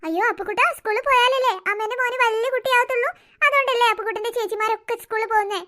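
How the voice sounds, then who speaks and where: A woman's voice: very high voice, racing, pushed and bright. A woman voicing a fussy cartoon mother of three who scolds and coaxes her children. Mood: coaxing. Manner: scolding, nagging, coaxing. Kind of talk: cartoon voice acting.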